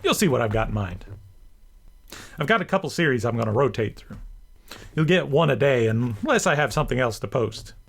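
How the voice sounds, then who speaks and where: Husky and a little creaky, this man's medium-pitched voice moves animatedly and a bit quickly, with frequent pauses. He's the host of a rant and commentary show, reading scripted commentary full of wordy, bookish phrasing over background music.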